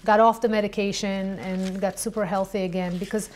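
A woman in her thirties hosting a casual kitchen chat, speaking with eager enthusiasm in quick bursts. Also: medium pitch, flat delivery, darkish tone, slight background noise. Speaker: host. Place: home kitchen set, indoors.

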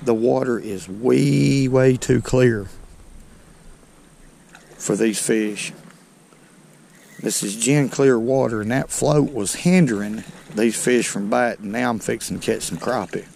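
Middle-aged Southern man, easygoing outdoor fishing vlog host, mid-pitched voice, faint open-air noise behind. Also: gravelly, darkish tone. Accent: Southern American. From North Alabama. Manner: folksy, unhurried, talks to viewers as "folks". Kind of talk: casual fishing commentary. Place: small boat on a lake outdoors. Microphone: head-mounted action camera.

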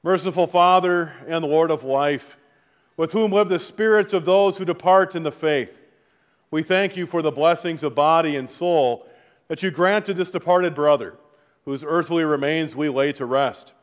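A middle-aged man speaking as a pastor at a funeral, reading liturgy and prayers in a solemn, measured, formal way. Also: a little high. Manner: solemn, measured, formal delivery with falling phrase endings. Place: large church sanctuary, indoors before a congregation. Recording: reverberant church hall.

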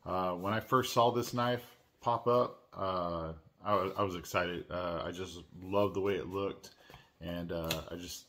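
A man hosting his own channel, unboxing and reviewing a pocket knife in a relaxed, chatty way with lots of "uh"s and restarts. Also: sits low, measured pace. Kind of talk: casual unboxing and product review. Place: at home.

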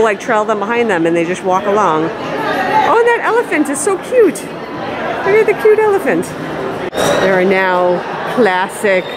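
A woman vlogger narrating casually as she walks through a large indoor mall, pointing things out with delight, filmed on a handheld camera. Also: medium pitch. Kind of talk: casual walking tour narration. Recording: loud music and crowd noise. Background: loud mall music and crowd.

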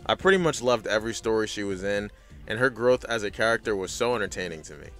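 Man, low bright voice, recap host, blunt, sweary, opinionated, casual scripted commentary, faint music behind. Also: lively intonation, fast talker.

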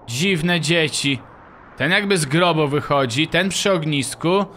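A man's voice: on the high side, unhurried, pushed and bright, a little hiss or hum. A man hosting a let's-play, commenting playfully and reading the game's dialogue aloud. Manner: playful, reacts with exclamations. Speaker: gaming video host.

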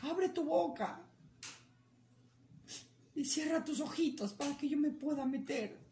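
A woman voicing a small, clever male rabbit who begs in a high, squeaky voice. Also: unhurried, warm tone, slight background noise. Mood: sly, meek. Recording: roomy echo, faint ambience.

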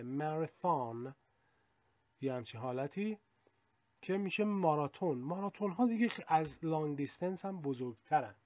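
A man with a fairly high voice teaches vocabulary, chatting through his explanations and then slowing right down to read example sentences clearly. The sound is dry and close, with no room echo. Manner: explains in Persian, reads English examples slowly and clearly. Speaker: English teacher. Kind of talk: vocabulary lesson in Persian.

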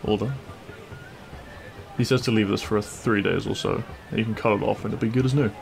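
In this intimate audio roleplay, a man takes on the role of a cheeky, kind-hearted bandit prince, teasing and reassuring in a gravelly voice. His delivery is brisk and lowish with fairly even intonation, over faint background music.

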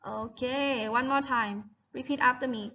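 A woman teacher giving a bilingual lesson, saying each drill word slowly and clearly for students to repeat. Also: high-pitched, steady tone, sharp tone, muffled recording. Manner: slow, drawn-out drill words for repeating aloud. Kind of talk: bilingual classroom lesson video.

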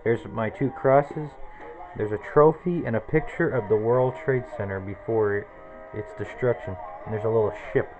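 A man's voice: mid-range voice, normal speed, lo-fi sound, music in the background. A man in his twenties giving a casual, rambling tour of his small cluttered bedroom, naming objects one after another into a handheld camera. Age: 20s. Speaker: vlogger. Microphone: handheld camera close to the face.

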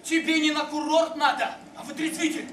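Sharp-tongued, scolding railway official for stage comedy, played by a woman: high voice, far off in an echoey theatre. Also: fairly even intonation, a little fast, noisy background, lightly acted. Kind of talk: comic stage acting. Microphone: far camera in the audience.

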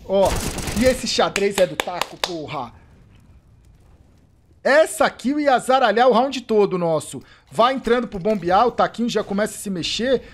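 A Brazilian man giving excited live commentary on a competitive shooter match, swearing and shouting at big plays. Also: high-pitched, normal speed, a little hiss or hum. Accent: Brazilian Portuguese. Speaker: esports streamer commentator. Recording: live stream with game gunfire behind.

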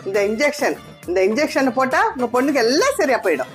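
A bumbling cartoon doctor, voiced by a woman, who makes everything sound dire. His voice is fairly high, and loud background music runs underneath. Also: very animated, fast talker. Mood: alarmist. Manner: exaggerated, alarmist.

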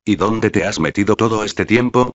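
A man's voice: on the low side, moderate pace, natural voice. A man voicing an indignant young boy who answers in a sullen, defensive way. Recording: dull lo-fi audiobook recording.

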